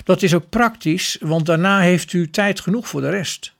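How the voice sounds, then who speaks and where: A man's voice: high-pitched, normal speed, gravelly. A man voicing Patience, an ironically impatient, eager figure in a storybook tale.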